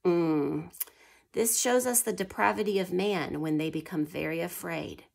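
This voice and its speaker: Teaching history to little kids, this woman reads aloud in a gravelly, fairly low voice at a measured pace. She asks the children questions, supplies the answers herself, and whispers during the suspenseful parts.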